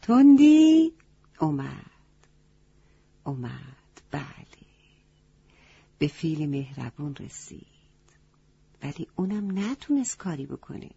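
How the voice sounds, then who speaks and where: A woman's voice: on the low side, sing-song, vocal fry, mellow, breathy edge, no room sound, highs cut off. A woman narrating a children's story, stopping to ask the listening children questions. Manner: addresses children directly with questions.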